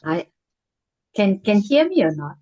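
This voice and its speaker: A woman student with a Singaporean or Malaysian Singlish accent, speaking on an online call and reading a text aloud carefully and deliberately. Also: mid-range voice, very animated, dark tone, muffled recording. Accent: Singaporean or Malaysian English.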